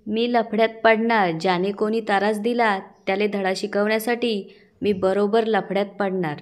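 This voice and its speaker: A fiery retired schoolteacher with a Vidarbha Marathi accent scolds and threatens without holding back, as a woman reads her part. She sounds blunt, combative and loud, a neighborhood auntie who will not back down. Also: mid-range voice, steady tone, normal speed, close to an everyday voice. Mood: scolding. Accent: Vidarbha Marathi (Varhadi).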